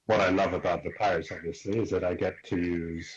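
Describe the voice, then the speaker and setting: A man's voice: deep voice, fairly even intonation, a little fast. A man from Switzerland chatting casually over a video call with dry, sarcastic humor. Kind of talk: casual chat. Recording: dull noisy video call.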